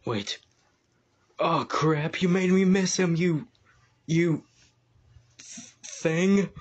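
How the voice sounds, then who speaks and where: A man voicing a moody, exasperated young hedgehog with a whiny, grumbling manner and husky voice in an improvised comedy dub. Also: on the high side, very slow, heavily acted.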